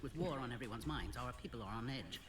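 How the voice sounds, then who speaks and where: An actor playing a formal, hurried alien scientist official in a video game. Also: male voice, mid-range voice, lively intonation, lightly acted. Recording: game audio under loud music.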